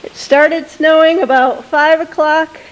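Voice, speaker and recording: A woman with a high, fairly even voice speaks a little slowly as she films her children playing outdoors in the snow, narrating the home video and coaxing them to wave. The audio is poor, picked up by the built-in mic of the old handheld camcorder she holds, with a faint hiss.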